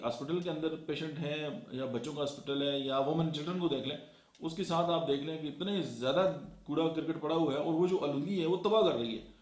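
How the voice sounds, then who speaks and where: Man from Pakistan, motivational speaker, fairly high voice, echoey room, lecturing with fillers. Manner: lecturing, counts points off one by one with many fillers. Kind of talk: motivational talk.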